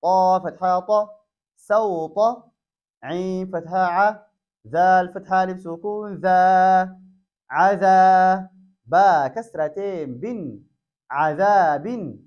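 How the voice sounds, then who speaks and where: A man's voice: sits high, a little mellow. A man teaching Quran reading, spelling out each letter and vowel mark and then blending the syllables into whole words. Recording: dull lo-fi recording.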